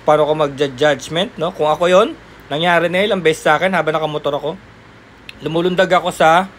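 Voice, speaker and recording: A man's voice: a little high, a bit bright, slight background noise. A man coaching job applicants in a casual explainer talk, chatty, with everyday examples and frequent tag questions.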